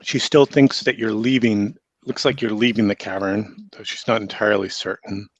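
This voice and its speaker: A man's voice: on the low side, steady tone, normal speed, dry recording. A man acting as game master, narrating a tabletop game casually.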